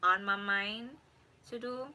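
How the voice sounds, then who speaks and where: Speaking slowly at a medium pitch, a young Jamaican woman rambles casually through her first home live stream as a YouTuber, relaxed and often correcting herself. The phone recording is rough, with faint background ambience.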